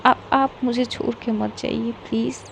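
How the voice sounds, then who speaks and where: A woman with a Bengali accent voicing a tearful young woman who pleads in halting, repeated words. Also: mid-range voice, completely flat delivery, dark tone, slight background noise, natural voice. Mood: desperate pleading. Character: tearful young woman begging not to be left.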